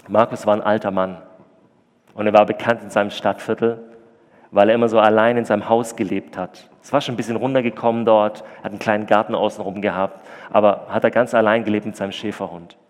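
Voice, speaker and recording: Earnest preacher in a reverberant church. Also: male voice, on the low side, steady tone, quick pace. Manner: earnest, conversational, swings loud and soft. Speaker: pastor. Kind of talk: sermon with storytelling.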